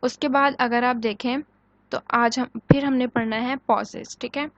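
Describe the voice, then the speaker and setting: A woman teaching English grammar in a recorded online lecture, explaining in Hindi and Urdu, reading English example sentences slowly, and asking the class questions that she answers herself. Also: fairly high pitch, steady tone, fairly bright tone, no room sound, muffled recording.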